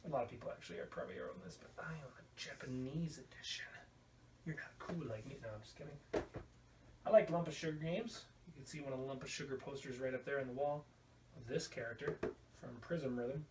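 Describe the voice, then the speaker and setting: A man with a mid-range voice talks a little fast as he hosts a laid-back video podcast, rambling through show-and-tell with crude, irreverent humor. He's in a room at home, caught on a distant mic that sounds roomy, with faint noise behind him.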